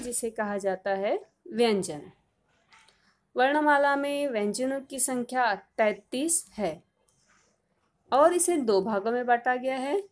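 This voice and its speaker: A middle-aged woman teacher giving a patient lesson, repeating key points and drawing out sounds as examples. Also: a little high. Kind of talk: classroom lesson explanation.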